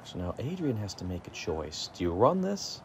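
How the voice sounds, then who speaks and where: A man giving low-key, measured golf commentary, calling the play shot by shot. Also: big pitch swings, a little hiss or hum.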